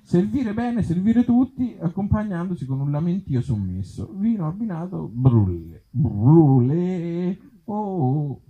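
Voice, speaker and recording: Speaking slowly in a slightly high voice with big swings in pitch, this man has a Tuscan accent. He's an author and actor at an outdoor festival, reading absurd comic pieces aloud and talking casually with the crowd, wry and self-mocking, with hesitant asides. The recording is muffled and dull.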